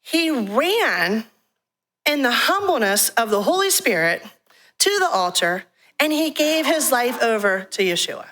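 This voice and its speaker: A woman with a slightly high voice gives a testimony talk to a church congregation. She speaks frankly and tells her story in an animated way, breaking into laughs here and there. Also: a little slow. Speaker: guest speaker from a ministry. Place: church sanctuary.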